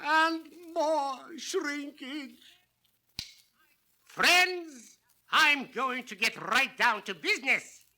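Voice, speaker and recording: An actor playing a grandiose, sly swami fortune-teller in a scripted comic film, speaking in florid, drawn-out magic-orb incantations. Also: male voice, extremely high pitch, pushed and bright, exaggerated voice. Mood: gleeful, ominous, then dramatic, warning. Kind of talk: scripted comic monologue in a retail training film.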